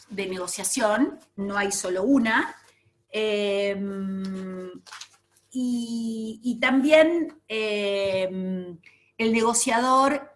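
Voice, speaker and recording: A woman giving an online training lecture, talking in an enthusiastic, emphatic way with many fillers. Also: fairly high pitch.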